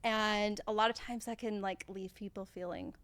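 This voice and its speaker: Enthusiastic female podcast host from the Midwest, chatty and warm-hearted interviewer, dry studio sound. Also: mid-range voice, fairly even intonation, moderate pace, clean tone, dry recording. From American Midwest. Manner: bubbly, enthusiastic, says "like" often.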